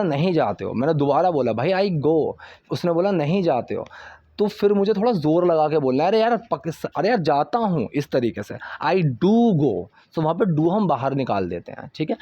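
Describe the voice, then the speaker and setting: A young man teaching English grammar, chatty, often checking with "ठीक है?" and reading English example sentences out slowly and carefully. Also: fairly high pitch, a little mellow, dry recording. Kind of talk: explaining English grammar in Hindi.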